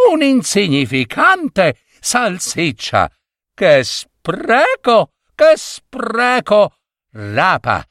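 A man voicing a shrill, nagging peasant wife in a storybook reading. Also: sharp tone, no echo, clean studio sound, heavily acted. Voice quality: shrill, shrieking. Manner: nagging, scornful. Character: shrill scolding peasant wife, middle-aged.

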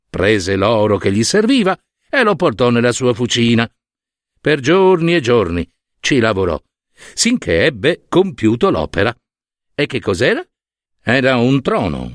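Male storyteller, very lively pitch, dry close sound, expressive myth narration. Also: no echo. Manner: expressive, asks rhetorical questions.

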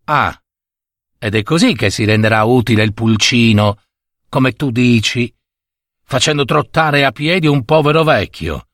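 A man reading a story aloud, voicing a sly, toothless old servant who grumbles in a low, muttering voice. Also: unhurried, a bit bright, dry recording, clean studio sound, natural voice. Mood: grumbling.

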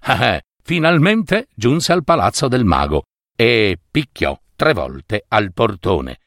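A man's voice: on the low side, sing-song, slow pace, gravelly, fairly bright tone, no echo, clean studio sound. A man telling a fairy tale aloud, dramatic, repeating words for effect. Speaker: storyteller.

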